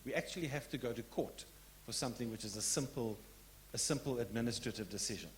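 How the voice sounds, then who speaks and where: A man in the audience of a public lecture, making an earnest, frank statement and putting a question with some halting restarts. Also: medium pitch, a little hiss or hum. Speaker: audience member asking a question.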